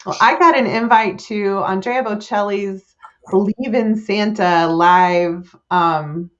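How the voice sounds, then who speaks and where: A woman's voice: mid-range voice, slow pace. Woman host, enthusiastic casual chatter, muffled call sound. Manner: chatty, enthusiastic, frequent fillers. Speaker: host of weekly staff wrap-up. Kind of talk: casual staff chat.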